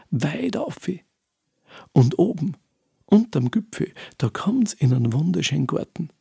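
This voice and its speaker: A man's voice: fairly high pitch, creaky, warm tone, husky, no echo, studio quality. A man telling a folk tale in a homely way, with casual fillers. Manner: dialect-tinged, homely narration with fillers. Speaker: storyteller.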